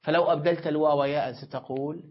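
Man teaching grammar, slow drawn-out words. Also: on the high side, steady tone. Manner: explains step by step, asks and answers own questions; stretches words slowly when spelling out forms. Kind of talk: classroom lesson. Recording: dull lo-fi lecture recording.

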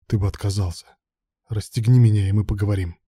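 A pleading adult man in a spoken story, his lines full of strained outbursts, as a male narrator reads him. The voice sits low, with a dark, mellow tone and a dry, close sound. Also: steady tone, fast, breathy edge, dry recording.

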